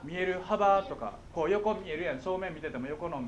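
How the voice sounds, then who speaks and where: Through a muffled recording with slight hiss, a middle-aged man speaks at normal speed in a voice that sits high, with a Kansai Japanese accent. As a guest speaker on visual impairment, he keeps his talk to schoolchildren jokey and regularly checks they're following.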